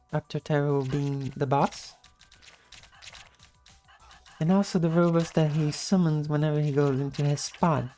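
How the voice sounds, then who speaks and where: A woman with a low-energy, just-woke-up morning voice giving a casual gameplay tutorial in commentary style. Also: mellow. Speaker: video game guide narrator.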